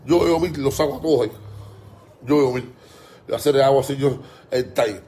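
A man's voice: mid-range voice, moderate pace, warm tone. A man with a Cuban Spanish accent, ranting in a heated, repetitive way, stumbling over his words and swearing often. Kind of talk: casual ranting monologue.

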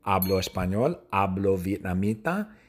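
Slow, husky man teaching. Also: sits low, big pitch swings. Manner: answers his own numbered questions, repeating phrases slowly. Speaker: language teacher. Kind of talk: slow Spanish lesson monologue.

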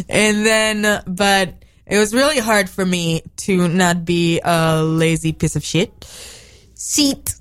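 A woman musician from Israel with an Israeli accent, chatting as a guest on a radio show, bubbly and quick to laugh. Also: fairly low pitch. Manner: bubbly, laughing, rapid asides. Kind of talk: casual interview chat. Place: radio studio.

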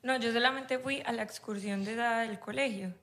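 A woman's voice: fairly high pitch, moderate pace. Bubbly paisa woman from Medellín. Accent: Colombian paisa. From Medellín, Colombia. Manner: animated, quotes slang in playful voices. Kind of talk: casual podcast chat. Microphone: podcast microphone.

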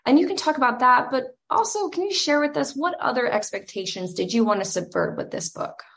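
A woman's voice: high-pitched, expressive, brisk, gravelly, fairly bright tone. A woman from Georgia interviewing an author, enthusiastic and gushing, with lots of fillers. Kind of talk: casual interview.

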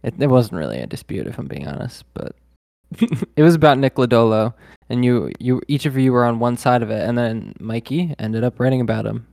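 A man hosting a casual sports podcast, easygoing and quick to laugh, with hesitant restarts. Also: mid-range voice, lively intonation, creaky, a little mellow, no room sound, studio quality.

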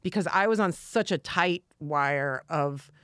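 A woman comedian being interviewed, talking in a halting, self-deprecating way with frequent restarts. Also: deep voice, a bit bright, clear, resonant tone, no room sound, clean studio sound. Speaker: guest comedian. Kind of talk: casual interview chat.

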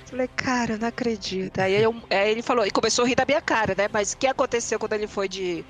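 Animated woman telling stories. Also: medium pitch, rapid-fire. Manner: animated storyteller, acts out quotes loudly. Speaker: podcast guest, streamer. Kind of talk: casual podcast chat.

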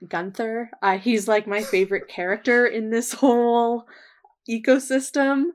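A woman's voice: on the high side, steady tone, a little slow. Woman cohosting a podcast, chatty, lots of likes and ums, laughs a lot. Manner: chatty, filler-heavy, laughs often. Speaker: podcast co-host. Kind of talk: casual chat.

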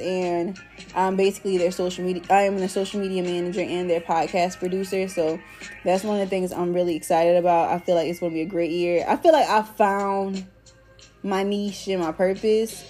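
Mellow stoner woman hosting a casual podcast. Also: fairly even intonation, brisk, faint music behind. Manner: stoner drawl, high and rambling; informal slang, addresses listeners as y'all. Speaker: podcast host. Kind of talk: casual solo podcast chat.

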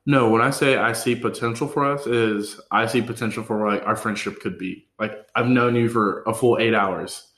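A man hosting a casual podcast chat, relaxed and rambling with lots of fillers. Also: lowish voice, moderate pace, hardly any pauses. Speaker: podcast host. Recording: roomy echo.

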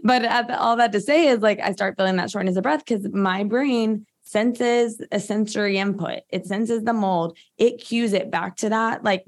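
A woman, talking as a guest practitioner in a casual interview, chatty and full of filler words. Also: lowish voice. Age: 30s.

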